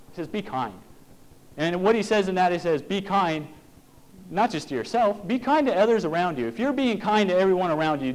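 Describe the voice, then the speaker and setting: Earnest man preaching, slightly high voice. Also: a little mellow, rough recording. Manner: earnest, plain-spoken, slowing down for emphasis. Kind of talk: sermon.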